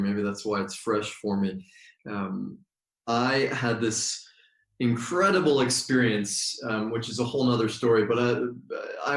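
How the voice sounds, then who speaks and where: Male guest, mid-pitched, reflective and pausing, recorded in an echoey room. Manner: thoughtful, unhurried, with frequent ums and pauses. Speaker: guest, yoga teacher. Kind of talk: relaxed storytelling in conversation. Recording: roomy echo.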